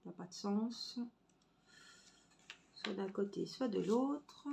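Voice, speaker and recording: A woman's voice: medium pitch, slow, creaky, a little mellow, slight background noise. Chatty woman crafting at home. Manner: chatty, addresses viewers directly, thinks aloud with fillers. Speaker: crafts vlogger. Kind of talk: casual tutorial chat while crafting. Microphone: phone camera on a stand.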